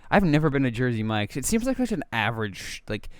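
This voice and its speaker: Smooth-voiced young man chatting on a podcast. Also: mid-range voice, sing-song, fairly quick, dry recording. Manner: rambling, lots of fillers and crude jokes. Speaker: podcast co-host. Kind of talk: casual chat.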